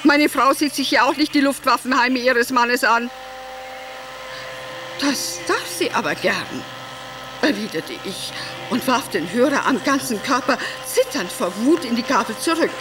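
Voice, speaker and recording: An actress playing a vain, gushing, middle-aged wife who was once a stage actress, speaking in a theatrical radio drama with wide swings from cooing to brooding. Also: female voice, a little high, lively intonation, unhurried, background noise. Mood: reminiscing. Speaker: radio drama monologue lead. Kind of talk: German radio drama acting.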